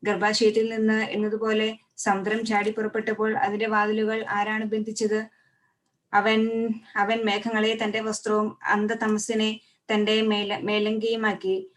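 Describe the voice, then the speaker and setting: A woman reading scripture aloud at a steady pace, often stopping to restart a word. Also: medium pitch, a little slow, far from the mic. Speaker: Bible reader.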